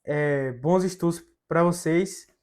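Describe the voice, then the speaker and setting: Male language teacher, fairly high voice, slow and methodical, sounds out syllables. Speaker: Hebrew teacher. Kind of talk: slide-based language lesson.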